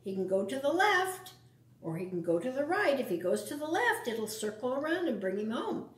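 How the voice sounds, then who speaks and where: A woman reading a children's picture book aloud at storytime, expressive, with asides to her young listeners. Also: sits high, moderate pace, distant mic. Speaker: storytime reader. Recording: echoey room.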